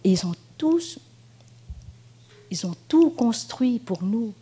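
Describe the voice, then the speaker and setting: A Buddhist nun teacher with a Vietnamese accent gives a dharma talk in a retreat's meditation hall. She's gentle and unhurried, speaking very slowly with frequent pauses and soft fillers, in a mellow, slightly husky voice on the high side that is nonetheless very animated.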